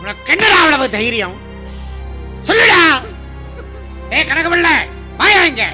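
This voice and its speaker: A proud older zamindar patriarch, acted by a man, stern and commanding, his voice pitched very high. He scolds and shouts orders in a family drama. Clear music plays under him. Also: lively intonation, moderate pace, exaggerated voice. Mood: furious. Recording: music playing behind.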